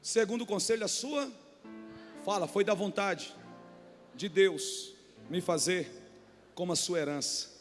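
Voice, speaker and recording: A man with a Brazilian accent preaches in a notably high voice, mixing a folksy, colloquial tone with fiery bursts that climb to shouting. His voice rings through a church hall with a long reverb, and soft music plays underneath. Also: a little slow, long pauses. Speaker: pastor. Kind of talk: sermon.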